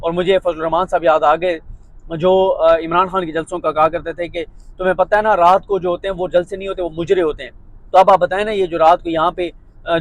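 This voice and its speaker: A man's voice: high voice, rough recording. A man from Pakistan giving a sarcastic, mocking monologue of political commentary.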